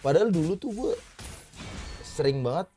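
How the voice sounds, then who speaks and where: A man's voice: on the high side, expressive, normal speed. Slangy young man streaming over game music. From Indonesia. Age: 20s. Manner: slangy, swears often, breaks off mid-thought to react to the game. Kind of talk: casual rambling chat while gaming.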